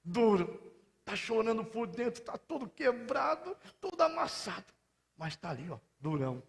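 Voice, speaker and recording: A man with a Brazilian Portuguese accent preaching a sermon as pastor, fervent, moving between soft intimate asides and loud shouted passages. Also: very high voice, very animated, normal speed, creaky. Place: large church hall. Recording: long church hall reverb.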